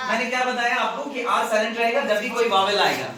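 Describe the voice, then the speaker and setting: A man's voice: very high-pitched, quick pace, bright, forceful tone. A male grammar teacher, lecturing a class and quizzing students with repeated questions. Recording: very echoey classroom, distant mic, noisy.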